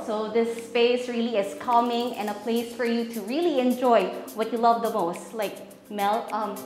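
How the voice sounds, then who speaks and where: A young woman with a high, bright voice leads a walking house tour, upbeat and salesy, calling her viewers "guys". She speaks through a lapel mic as she moves through bare rooms, and the sound rings with roomy echo. Soft music plays underneath. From Philippines. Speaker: real estate tour host. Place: large empty townhouse interior, indoors.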